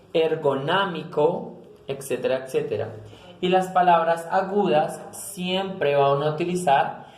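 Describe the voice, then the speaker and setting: A man's voice: fairly high pitch, a little mellow. A man giving a grammar lesson, explaining step by step, often checking in with listeners and correcting himself. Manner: explanatory, repeats "¿listo?" and "pues", self-corrects. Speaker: teacher. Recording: very echoey room, voice a bit far from mic, faint noise.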